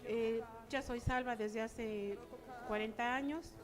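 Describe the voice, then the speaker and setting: A woman's voice: a little high, steady tone, takes it slowly, over music. An older woman giving a chatty personal testimony to her church, acting out remembered dialogue.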